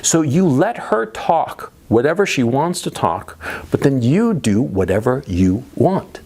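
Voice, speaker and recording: A man's voice: medium pitch, sing-song, measured pace, darkish tone, slightly rough. A middle-aged man, a native Spanish speaker, coaching on dating in a monologue, repeating points and checking in with "right?" and "okay?". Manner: rhetorical questions, frequent "right?" and "okay?" tag checks; repeats himself for emphasis. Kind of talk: monologue giving dating advice.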